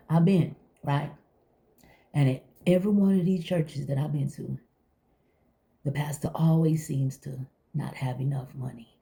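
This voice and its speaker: Very dark-voiced vlogger chatting over breakfast, mouth full. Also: medium pitch. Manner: talking with mouth full while eating; conversational, folksy, emphatic repetition, addresses listener as baby. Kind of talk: casual chat to viewers.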